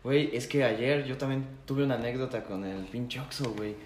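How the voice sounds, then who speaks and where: A man's voice: mid-range voice, brisk, a crowd in the background. A young man with a Mexican accent, co-hosting a casual podcast and telling a story full of slang and acted-out voices. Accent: Mexican Spanish. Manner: animated, acts out quoted voices, heavy slang. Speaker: podcast co-host. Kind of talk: casual storytelling among friends. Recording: roomy room with faint background noise.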